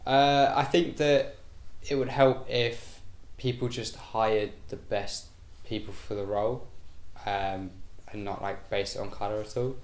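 A young man answers vox pop questions with a very deep voice. He hesitates and restarts, and the room sounds roomy around him. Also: fairly even intonation, measured pace, hardly any pauses. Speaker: interviewee. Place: dark indoor room.

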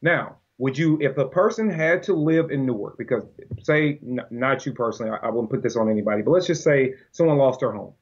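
Podcast guest, male, husky, heated and argumentative, lo-fi sound. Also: mid-range voice, brisk. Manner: animated, argumentative, often acts out quoted voices. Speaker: podcast guest, gun-rights advocate. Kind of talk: casual podcast conversation. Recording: dull lo-fi audio.

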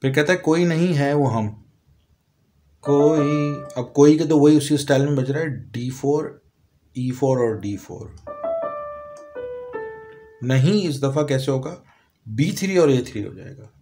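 A man with a Pakistani Urdu accent, calmly explaining a piano lesson step by step, sometimes singing short lyric lines slowly. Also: fairly high pitch. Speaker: music teacher. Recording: piano playing behind voice.

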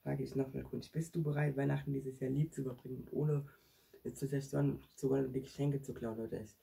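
Man, vlog host, excitable, addresses viewers, very husky breathy voice. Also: medium pitch, fast talker. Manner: excitable, talks straight to viewers. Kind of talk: staged real-life prank vlog.

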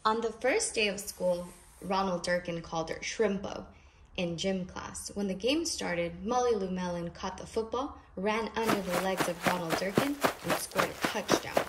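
Reading a children's picture book with plenty of expression, a storybook reader draws out key phrases to emphasize them. Her voice is medium-pitched and her pace normal. Noise and clicks mark the home recording.

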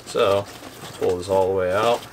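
A young man with a low voice hosts a channel and demos boat anchors in a dim room at home. He speaks a little slowly in a relaxed, plain way, with lots of ums, over some background noise.

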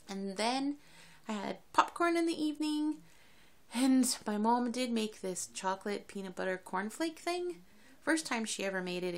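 Chatty woman with a gravelly edge. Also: medium pitch. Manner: chatty and rambling, quick with many fillers. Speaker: vlogger keeping a daily diet diary. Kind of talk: casual chat to camera.

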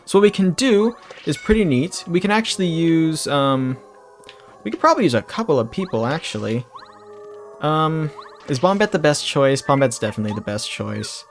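A man's voice: fairly high pitch, expressive, moderate pace. A man giving casual let's play commentary, rambling through jokey asides as he plays. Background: game music.

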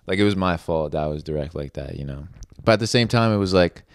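Deep-voiced young man, rambling chat. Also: lively intonation, fast talker, no room sound, studio quality. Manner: rambling, heavy on fillers like "like" and "you know". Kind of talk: casual chat.

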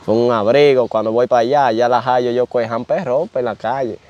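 A man's voice: medium pitch, steady tone, fast talker, darkish tone, dry recording, lo-fi sound. A young man, telling a story in a casual interview and often repeating "dice ella, di que" as he recounts who said what. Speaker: interview guest.

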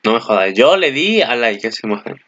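Excitable bright-voiced Spanish man. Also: medium pitch, quick pace, lo-fi sound. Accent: Peninsular Spanish. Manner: excitable, swears freely. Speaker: anime commentator. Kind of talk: casual video commentary.

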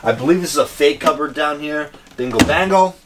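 A man's voice: on the high side, fairly quick. A man giving an upbeat, jokey walkthrough of a camper trailer as a dealership salesman. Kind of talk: casual walkthrough tour. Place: inside a small camper trailer. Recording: noisy camper interior.

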